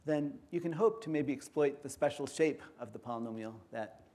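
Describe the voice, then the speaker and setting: A man giving an academic conference lecture in an auditorium, explaining step by step in a measured way. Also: medium pitch, darkish tone.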